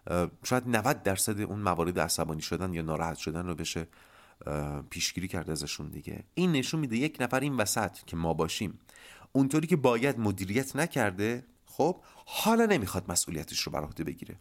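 A man hosting a podcast, explaining ideas to listeners in an animated monologue and addressing them directly. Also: low voice. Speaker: podcast host.

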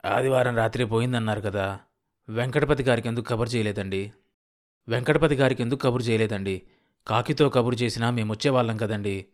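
A man voicing a nosy, suspicious old village man in his sixties or older, speaking in a drawling, rural way, lower and slower than his narration. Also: natural voice. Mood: prying. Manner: drawling rural speech, grieving and prying.

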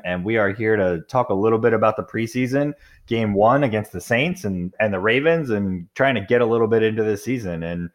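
A man hosting a casual sports podcast, laid-back and chuckling as he talks. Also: fairly low pitch. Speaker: podcast host.

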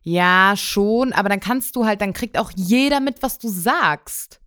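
Eine junge Frau, die als Co-Host im lockeren Podcast laut und sprunghaft erzählt, oft mit Neuanfängen. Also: female voice, medium pitch, measured pace, no echo, studio quality. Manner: rambling, restarts, loud. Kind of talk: casual chat. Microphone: close podcast mic.

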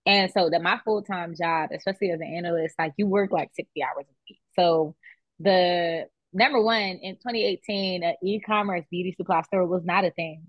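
A woman's voice: on the low side, normal speed, no echo. Chatty young woman with a dull, dry sound. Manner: conversational, many "like" and "right?" tags. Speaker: guest, beauty business founder. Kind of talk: casual interview chat.

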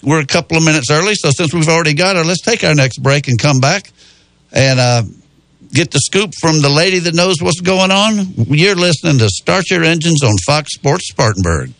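A man's voice: on the high side, lively intonation, normal speed, fairly bright tone, no echo, rough recording. Easygoing male radio host, dry studio sound. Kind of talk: casual sports talk radio.

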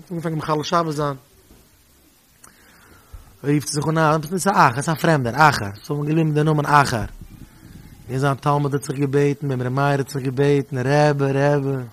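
A man telling stories in a sermon, animated and emphatic, often repeating his phrases. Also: fairly high pitch, moderate pace. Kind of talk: storytelling sermon.

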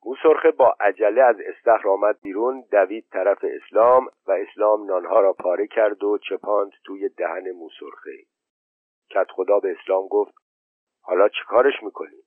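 Man reading a storybook, low steady voice, dry tinny phone-like sound. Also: no room sound. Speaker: audiobook narrator. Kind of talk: scripted storybook narration. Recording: tinny phone-like narrow band.

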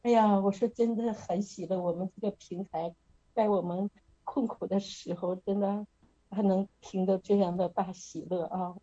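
A woman's voice: medium pitch, warm tone, breathy edge, dull audio. A middle-aged woman sharing an earnest, casual testimony at a prayer meeting over an online call, often laughing as she tells her story.

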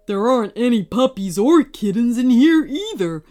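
A woman's voice: a little high, sing-song, normal speed, warm tone, faint music behind. A woman voicing a dim-witted, timid male burglar in a storybook reading, whiny and stammering.

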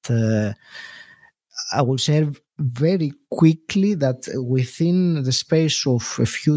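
A man in his forties from Greece with a softened Greek accent, a podcast guest talking reflectively with many pauses. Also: medium pitch, dry recording, clean studio sound. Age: 40s. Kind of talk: podcast interview.

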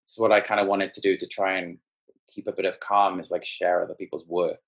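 Deep gravelly man, low flat voice. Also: fairly quick. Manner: casual, many fillers. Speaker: runs a small record label. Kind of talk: casual sharing at an online group call. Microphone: video call.

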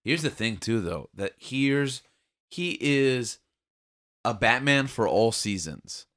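A man's voice: medium pitch, animated, takes it slowly, fairly bright tone. A man co-hosting a podcast in casual chat, speaking emphatically and earnestly with firm opinions. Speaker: podcast co-host.

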